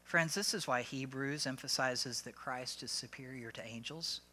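A man's voice: mid-range voice, normal speed, bright, forceful tone. A man with a Southern US accent, a lead pastor preaching a sermon with emphatic repetition, calling on the congregation to answer back. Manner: emphatic, repeats key phrases, asks the congregation to respond.

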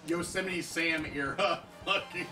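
A man's voice: fairly high pitch, steady tone, a little slow, recorded from a distance, over music. A young man casually joking and swearing while commenting on a video game with friends. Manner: joking, loud bursts, swearing, laughs often.

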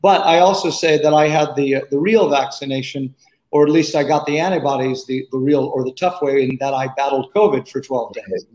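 A man's voice: medium pitch, fairly quick, darkish tone. An older man hosting a video interview show, upbeat and effusive, often repeating his words as he asks questions. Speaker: show host. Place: small studio set indoors. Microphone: studio microphone close up. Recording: roomy echo.

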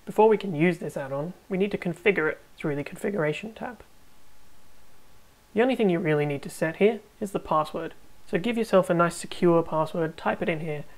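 A woman hosts a tech tutorial, calmly narrating a screen recording with step-by-step instructions. Her voice is lowish and a little fast, and the audio is poor.

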